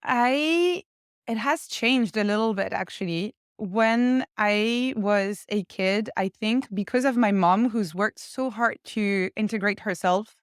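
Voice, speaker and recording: A woman's voice: medium pitch, slow, clean tone, no echo, studio quality. A young adult woman from France with a French accent, speaking English as a podcast guest in a casual, reflective conversation and laughing easily.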